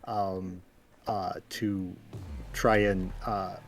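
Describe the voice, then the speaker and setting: A man's voice: deep voice, flat delivery, drawn-out words, soft background music. A man playing a tabletop game, talking hesitantly and restarting his sentences. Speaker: player. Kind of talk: casual tabletop play.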